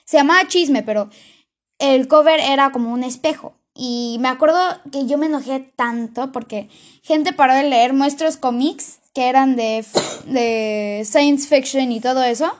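A woman in casual chat who tells stories in a chatty way and often restarts her sentences. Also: high voice. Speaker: co-host.

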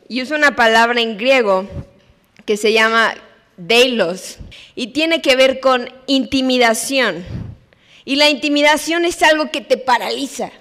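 A woman preacher giving an expressive sermon, acting out voices as she tells stories. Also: high-pitched. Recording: long hall reverb.

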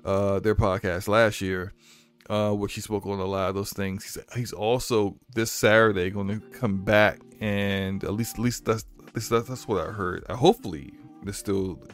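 A man's voice: on the low side, moderate pace. A man hosting a casual gaming news podcast, talking loosely with frequent restarts and bursts of laughter. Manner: animated, laughing, many restarts. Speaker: podcast host.

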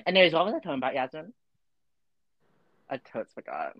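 A woman's voice: low-pitched, huge pitch swings, quick pace, no room sound, highs cut off. A woman co-hosting a chaotic casual chat, giggling, rambling and teasing her friend with the odd swear. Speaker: co-host.

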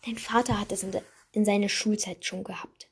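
A woman's voice: medium pitch, fairly even intonation, brisk, slightly rough. A woman voicing an anxious young wizard boy who talks urgently.

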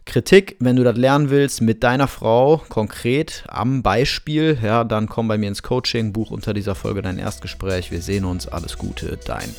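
A man who works as a relationship coach, giving advice to men in a calm, direct podcast monologue and often acting out sample lines of dialogue. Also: on the low side, normal speed, gravelly, few pauses, soft background music.

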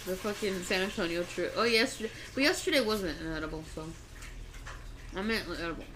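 A young woman vlogging in casual chat, high and giggly, rambling and swearing. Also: expressive, brisk, noisy background.

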